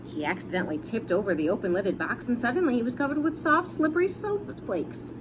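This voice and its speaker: A woman reads a picture book aloud to young children. Her voice is fairly high and swings widely in pitch, very expressive and clear in intent. Noticeable noise runs behind it. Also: a little fast. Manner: explains words simply as she reads. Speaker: storybook reader.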